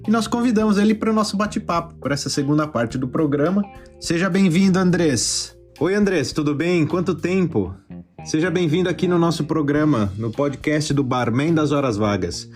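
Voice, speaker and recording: A man co-hosting a casual podcast about cocktails, explaining things in a relaxed, chatty way. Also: fairly high pitch, normal speed, faint music behind. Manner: relaxed, explanatory, many fillers. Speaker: podcast co-host, bartender.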